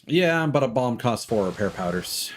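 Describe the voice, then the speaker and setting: An animated man with a mid-range voice speaks at normal speed while streaming a game, reasoning aloud in a casual, analytical chat. Game music plays behind him, along with slight background noise.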